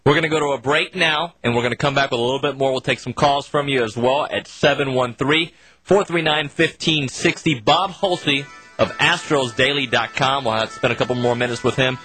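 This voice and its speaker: A man hosting a sports talk radio show, brisk and upbeat between segments. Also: medium pitch, bright, forceful tone, soft background music.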